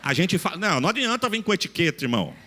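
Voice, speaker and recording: A man pastor with a São Paulo countryside Brazilian accent preaching a sermon in a folksy style, acting out dialogue and rising into shouts. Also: sits high, sing-song, very fast, in a large hall. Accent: São Paulo countryside Brazilian Portuguese. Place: church sanctuary.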